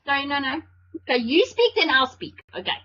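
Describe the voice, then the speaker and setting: A woman co-hosting a podcast, chatty and quick to jump in with jokes. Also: high-pitched, big pitch swings, sharp tone. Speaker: podcast co-host. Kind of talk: casual chat. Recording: dull lo-fi sound with faint noise.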